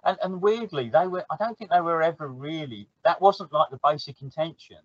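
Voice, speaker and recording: A man's voice: on the high side, fairly quick, dry recording, lo-fi sound. A man with a South London accent chatting casually on a podcast, laughing easily and often trailing off mid-thought. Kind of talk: casual chat.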